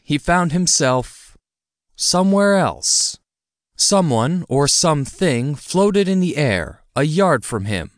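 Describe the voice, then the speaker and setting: Expressive male audiobook narrator. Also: a little high, dry recording, clean studio sound. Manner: expressive, dramatic reading.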